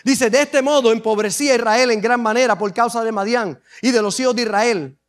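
A Puerto Rican man preaching a sermon as pastor, dramatically acting out scripture scenes with drawn-out emphasis. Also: extremely high pitch. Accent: Puerto Rican Spanish. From Puerto Rico.

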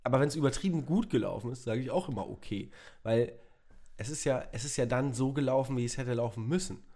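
A young man co-hosting a podcast in casual chat, talking in a dry, grumbling deadpan. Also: medium pitch, quick pace. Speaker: podcast co-host.

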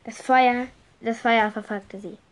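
Halting woman improvising a story. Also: a little high, fairly even intonation. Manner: halting, self-correcting.

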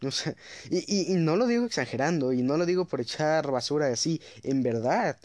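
A man's voice: a little high, expressive, brisk, a little mellow, dry recording. A man telling a storytime vlog, indignant, tossing in "este" and checking in with "¿ok?". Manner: frequent "este" fillers and restarts.

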